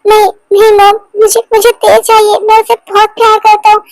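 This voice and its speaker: A woman's voice: extremely high pitch, monotone, a little fast, poor audio. A woman voicing a heartbroken young man who pleads with his girlfriend and stammers over his words, in a fan-dubbed romance. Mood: despairing. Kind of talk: Hindi fan dub of a romance story.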